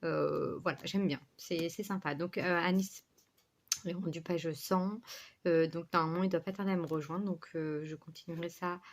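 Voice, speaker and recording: A woman's voice: lowish voice, steady tone, moderate pace. A woman chatting casually to her book vlog in a rambling, scatterbrained way, with a slight lisp on her words. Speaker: book vlogger.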